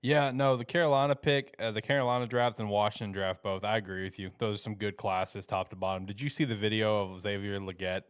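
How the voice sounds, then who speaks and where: A man with a lowish, smooth, clear voice talks excitedly about football draft classes, emphatic and chatty, throwing in "man" as he goes. The sound is close and dry. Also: brisk, hardly any pauses, no room sound. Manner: enthusiastic, emphatic, says "man" often. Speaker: co-host. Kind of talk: casual sports podcast chat.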